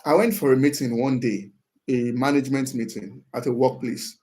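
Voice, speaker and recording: A man's voice: mid-range voice, steady tone, normal speed, warm tone. A man talking through how to disagree respectfully in a casual advice talk, often checking in with "right?" and acting out example phrases. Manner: acts out example phrases in a livelier tone. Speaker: speaker on workplace communication.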